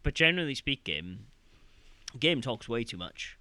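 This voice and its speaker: Young male podcast co-host, animated and rambling, crisp bright tone. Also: medium pitch, moderate pace, dry recording. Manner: rambling, animated, quotes game lines in mock voices. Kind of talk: casual podcast chat.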